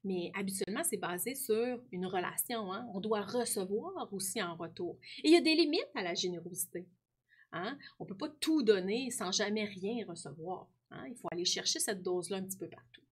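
Breathy woman teacher. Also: medium pitch, expressive, moderate pace. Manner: warm, questioning, lots of tag questions. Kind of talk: reading aloud and teaching children.

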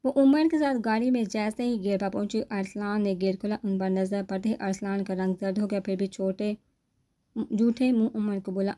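A woman narrates a romance novel aloud. Her voice is mellow and dark in tone. She keeps a steady, even storytelling pace. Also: medium pitch. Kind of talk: novel reading.

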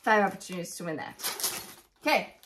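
A woman's voice: on the low side, expressive, a little fast, fairly bright tone, slight background noise. Chatty upbeat woman co-host. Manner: chatty, upbeat, laughs often. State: out of breath. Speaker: co-host of a cross-stitch video show. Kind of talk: casual chat, listing giveaway prizes.

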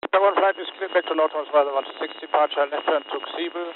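Male military pilot, terse radio readbacks, brisk delivery, static-laden transmission. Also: a little high, fairly even intonation. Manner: terse, procedural. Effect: aviation radio. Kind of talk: clipped radio calls and readbacks. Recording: tinny cockpit radio, clear static noise.

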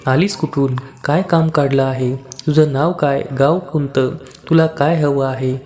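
A man's voice: medium pitch, steady tone, unhurried, darkish tone, close to an everyday voice. A man voicing a timid palace maidservant in a devotional story, asking worried questions and speaking humbly. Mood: nervous.

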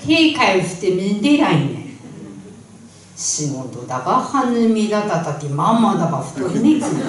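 An older woman telling a folktale on stage in a thick Tsugaru dialect. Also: lowish voice. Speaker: folktale storyteller. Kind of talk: oral folktale storytelling. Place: stage in a hall, indoors. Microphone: handheld microphone, recorded from a distant camera. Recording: echoey hall, distant, faint noise.

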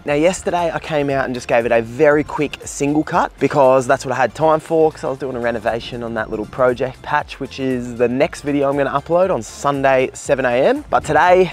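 Australian man in his thirties, relaxed backyard vlogger, mid-pitched voice, faint music underneath. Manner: relaxed, chatty, with fillers and self-corrections. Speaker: lawn care vlogger. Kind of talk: casual vlog talk to camera. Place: outdoors in a large backyard lawn. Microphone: handheld camera held at arm's length, partly a distant camera.

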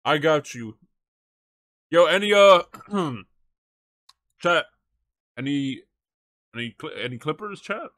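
With a fairly high, lively voice, a bit bright on a dry recording, this man talks slowly and pauses often. He's live streaming a reaction to a video, reading aloud into a close microphone and chatting slangily with viewers, often saying "bro" and "chat."

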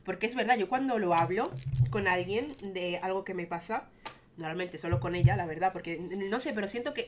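A woman's voice: medium pitch, a bit bright, a little hiss or hum. A young woman telling a casual storytime monologue in a chatty, rambling way full of fillers. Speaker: vlogger.

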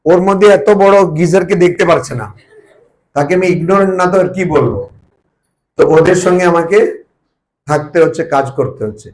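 A man's voice: fairly high pitch, fairly quick, long pauses, a little mellow, reverberant, poor audio. A monk giving an informal, humorous spiritual talk to a small group, often asking his listeners questions. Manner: humorous, joking asides. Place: study circle meeting room.

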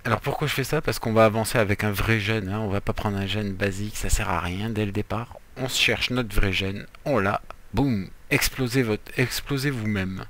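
Low-voiced man giving playful game commentary. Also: normal speed, a bit bright. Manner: playful, chatty, jokey asides. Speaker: Minecraft let's player. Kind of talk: casual gameplay commentary.

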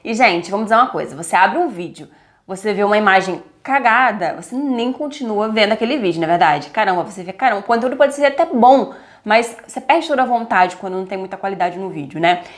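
A young Brazilian woman giving YouTube tips in a casual, chatty vlog, often tagging her sentences with quick checks, recorded on a lapel mic indoors at home. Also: mid-range voice. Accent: Brazilian Portuguese. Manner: chatty, lively, many "tá?" and "né?" tags. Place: indoors at home, lit by a softbox. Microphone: lapel mic clipped to her blouse.

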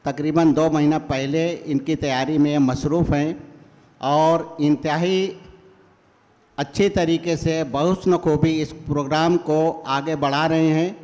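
An older man emcees a school celebration from a podium mic in a large, reverberant hall, reading from notes as he introduces guests in formal Urdu. He's measured and courteous, with a fairly high, somewhat mellow voice and fairly even intonation.

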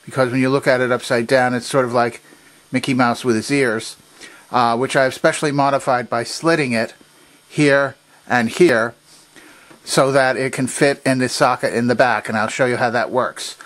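At a workbench in an indoor workshop, a man demonstrates a vintage machine, explaining each step methodically and precisely. His mid-range voice is steady and fairly bright, at a moderate pace.

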